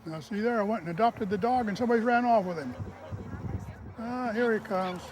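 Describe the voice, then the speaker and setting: A man adopting a dog, talking to it slowly in a coaxing, folksy way. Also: high voice, background noise.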